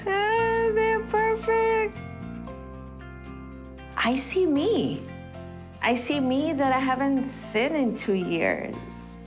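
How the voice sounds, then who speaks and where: A woman, a prosthetics patient, speaking in drawn-out exclamations. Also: high voice, animated, over music.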